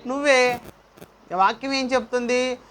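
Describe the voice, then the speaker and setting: A man's voice: very high voice, fairly even intonation, measured pace, fairly bright tone. A male pastor preaching a sermon, asking the congregation questions and calling out praise. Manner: preaching with rhetorical questions and call-outs.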